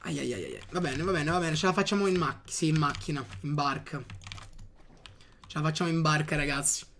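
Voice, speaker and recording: A man giving casual gameplay commentary, chatting to his viewers with excitable outbursts. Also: a little high, brisk, a little hiss or hum. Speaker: gaming youtuber.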